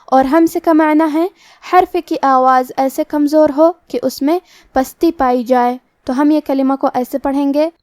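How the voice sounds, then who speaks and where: A woman teaching Quran recitation rules step by step in a calm, methodical way. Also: high voice, no room sound, studio quality. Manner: slow drawn-out demonstration of each word. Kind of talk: step-by-step tajweed lesson.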